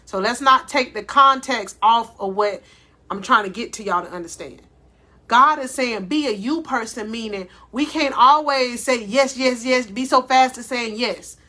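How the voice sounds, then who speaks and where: A woman life coach delivers a faith-based motivational talk in a slightly high voice, speaking slowly and deliberately and addressing listeners as "y'all". She describes her own voice as loud.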